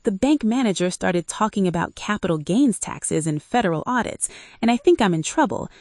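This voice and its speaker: A woman's voice: mid-range voice, expressive, unhurried, gravelly, no echo, clean studio sound. A woman voicing a grown son who feigns naive panic on a phone call, his voice trembling. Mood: panicked.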